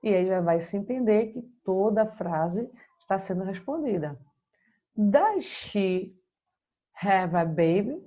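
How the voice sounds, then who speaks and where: Brazilian woman teacher, slow and mellow, patient, walks students through grammar step by step. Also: mid-range voice, expressive, dull audio. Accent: Brazilian Portuguese. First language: Portuguese. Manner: slow, patient explaining, checks in with "ok?". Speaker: English teacher. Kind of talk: recorded grammar lesson.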